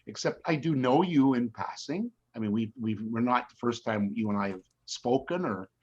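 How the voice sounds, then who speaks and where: Older male host, halting and repetitive, mid pitch; slightly muffled recording. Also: husky. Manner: halting, repeats words while starting questions. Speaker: interview host. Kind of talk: casual interview. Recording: slightly dull lo-fi sound.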